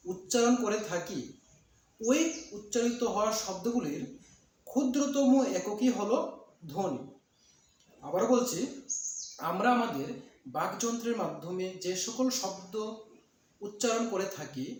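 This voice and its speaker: A man teaching an exam-prep grammar lesson, repeating points and asking and answering his own questions. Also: sits high. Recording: echoey room with faint noise.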